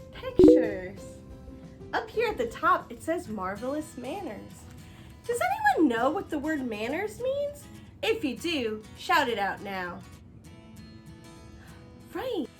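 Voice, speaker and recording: A woman with a high voice reads a picture book aloud as a children's teacher, expressive and instructive, explaining things directly to young viewers. Music plays in the background.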